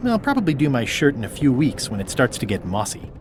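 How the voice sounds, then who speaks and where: A man's voice: mid-range voice, fast talker, noisy background. A man voicing an eager, wry, good-natured pirate adventurer in a video game. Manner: animated, wry.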